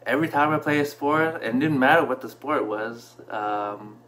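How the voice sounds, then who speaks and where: A man in his thirties who grew up in Canada, telling a personal story to camera from a small room at home, relaxed and reflective, with many fillers. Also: medium pitch, normal speed, a little hiss or hum. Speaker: vlogger. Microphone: camera in front at desk distance.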